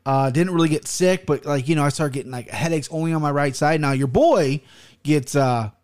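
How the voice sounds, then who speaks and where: A man's voice: on the high side, fairly quick, darkish tone. An American man hosting a casual solo podcast, rambling bluntly with some swearing while talking with his mouth barely open. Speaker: podcast host.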